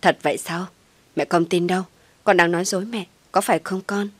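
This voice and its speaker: A woman doing an older mother-in-law, soft and fussing, in a low voice. She soothes and frets by turns, and the sound is close and dry. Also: steady tone, a little fast, dry recording, close to an everyday voice. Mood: fretful. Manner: soothing, fretful.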